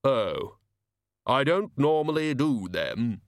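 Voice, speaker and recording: A man's voice: mid-range voice, sing-song, slow, no room sound, clean studio sound, pitched above the performer's own voice. A man voicing a solemn, literal-minded spirit of death in a storybook reading, formal and ponderous in manner. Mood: puzzled.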